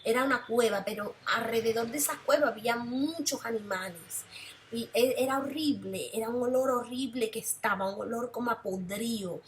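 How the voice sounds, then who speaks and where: Woman, emotional testimony, somewhat high voice, repetitive phrasing. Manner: emotional, repeats phrases for emphasis. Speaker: person giving a testimony. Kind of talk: personal religious testimony.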